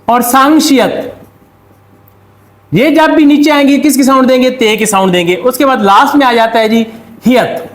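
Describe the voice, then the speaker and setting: A man's voice: very high voice, echoey room. A man with a Pakistani Urdu accent, giving a step-by-step classroom lesson and answering his own questions. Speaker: Korean language teacher.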